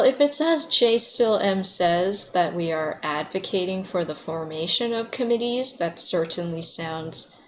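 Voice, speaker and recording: Talking in a lowish voice over slight background noise, this gamer keeps up relaxed stream chatter while she plays, often breaking into laughter and greeting chat members by name.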